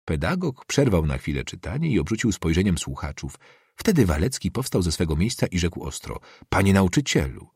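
A man reading literary prose aloud as an audiobook narrator, expressive and dramatic. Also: deep voice, brisk, vocal fry, slightly rough, no echo, clean studio sound.

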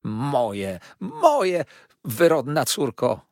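A man voicing a fussy, chattering old mother-in-law who gushes loudly and turns indignant. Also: wildly swooping pitch, normal speed, husky, no echo, studio quality. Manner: shrill, gushing and loud.

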